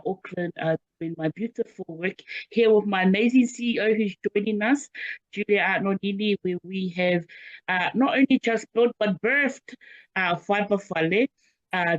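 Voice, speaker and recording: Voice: medium pitch, no echo. Enthusiastic New panelist on headset mic. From New Zealand. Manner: enthusiastic, chatty, many fillers. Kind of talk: online panel self-introduction. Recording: dull, dry lo-fi headset call audio.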